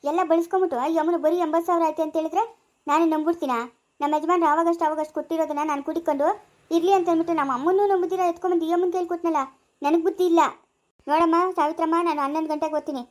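A woman's voice: very high-pitched, fairly even intonation, very fast. A woman playing an angry young village woman who makes harsh threats. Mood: threatening. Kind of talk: amateur family drama.

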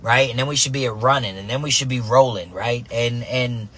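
Bright-voiced man with an energetic motivational tone. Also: mid-range voice, fairly quick, slightly rough. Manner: energetic, keeps tagging "right?" and "man". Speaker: softball coach. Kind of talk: motivational vlog monologue.

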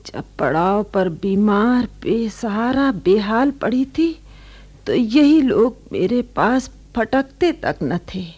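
An actress in a radio play voicing a weak, feverish, destitute woman who speaks faint and hushed. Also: a little high, sing-song, slow pace, muffled recording, exaggerated voice. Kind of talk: radio drama acting.

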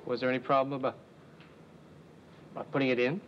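A man's voice: medium pitch, level tone, fast talker. A man hosting a TV interview, asking probing questions and sometimes fumbling his words. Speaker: interviewer, TV host. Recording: dull 1970s TV broadcast audio, faint hiss.

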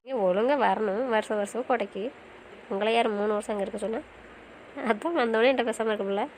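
Cast a woman as a pouty, fast-talking young wife for an audio romance series, faint hiss behind. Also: fairly high pitch, natural voice, rough recording. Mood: sulky, playful. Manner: fast, pouty back-talk. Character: young wife, quick-tongued and sulky-playful.

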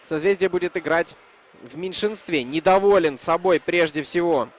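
Guy commentating live hockey, fairly high voice, bit of rink noise behind. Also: moderate pace.

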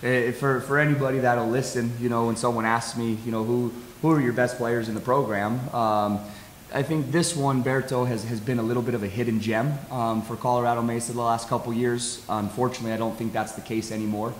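Echoey American coach in a post-game interview. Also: male voice, mid-range voice, steady tone, brisk. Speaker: college soccer head coach. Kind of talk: post-game interview answers at a press table. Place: press conference table with backdrop. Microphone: table stand microphone. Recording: echoey hall, audible hiss.

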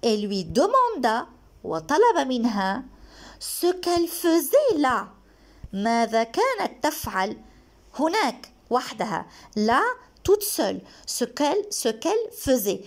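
Lively woman teacher. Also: on the high side. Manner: slow, repeated dictation of French lines followed by quick Arabic glosses. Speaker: language teacher. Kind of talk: bilingual lesson explaining a text.

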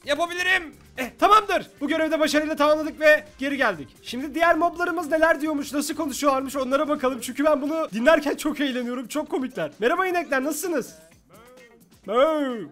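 A man's voice: very high-pitched, fast talker, a bit bright, soft background music. A man commentating his own game as a gaming YouTuber, playful and chatty, laughing often and joking with the creatures he meets. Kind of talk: let's play commentary.

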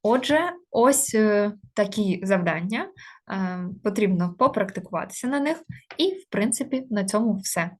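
A woman teaching an online grammar lesson. She explains step by step with many hesitation fillers and slows down to spell out example words. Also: mid-range voice, lively intonation.

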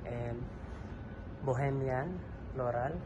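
A man giving a walkthrough sales report in a large home goods store, filmed on a handheld phone, listing collections and figures with pauses. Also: medium pitch, steady tone, highs cut off, noisy background. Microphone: handheld phone camera.

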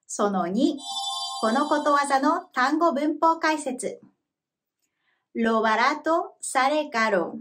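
A woman with a high, bright-toned voice delivers a scripted language lesson. She speaks in a clear, careful teaching manner and slows down to model each phrase. Soft music plays faintly underneath.

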